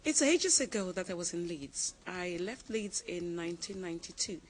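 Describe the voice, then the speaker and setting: A woman from Cameroon in her forties, a guest on a TV interview who answers in a measured, reflective way and laughs easily. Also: lowish voice, lively intonation, low-quality recording.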